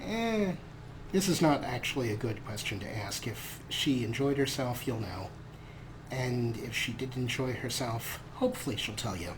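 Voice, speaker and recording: A man with a medium-pitched, expressive voice speaks at a moderate pace as he hosts a let's play. His commentary is casual and playful, and he often addresses the game's characters directly. The recording is clear, with game ambience audible.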